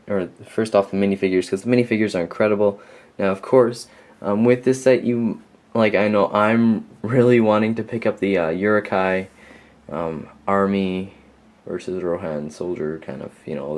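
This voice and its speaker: A man's voice: fairly low pitch, moderate pace, a little mellow. A man casually reviewing a toy set on camera, rambling and enthusiastic with many ums and likes. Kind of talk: casual unscripted product review.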